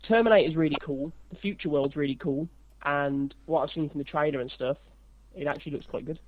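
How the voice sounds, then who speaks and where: A man's voice: fairly high pitch, brisk, narrow, tinny audio. A man co-hosting a casual chat, giving blunt short verdicts. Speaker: podcast co-host.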